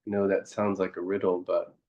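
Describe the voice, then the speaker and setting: Recorded with lo-fi sound, a low-pitched man keeps a level tone while guiding a meditation as its teacher. He speaks thoughtfully in short, leisurely phrases and poses soft questions.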